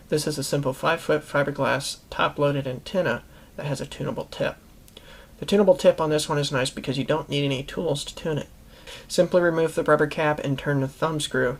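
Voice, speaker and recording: A man with a fairly high, creaky voice hosts a how-to video series. He narrates an instructional product review, explaining things plainly and methodically.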